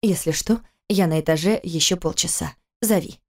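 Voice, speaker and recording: A woman's voice: lowish voice, normal speed. A woman reading a story aloud, voicing a sympathetic, matter-of-fact hotel cleaning woman. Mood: helpful.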